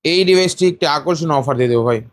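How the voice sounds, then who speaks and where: A man with a Bangladeshi Bengali accent, a shop seller rattling off phone specs and offer prices in a rapid sales pitch.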